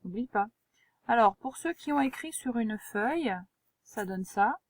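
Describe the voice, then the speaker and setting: A woman teacher reads a dictation to young pupils, spelling each word out letter by letter at an unhurried pace. Her voice sits a little high and she gently warns about spelling traps. The recording is close and dry, with no room sound. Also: lively intonation, no echo. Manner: slow, spelling words letter by letter. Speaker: primary school teacher. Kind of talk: dictation lesson for children.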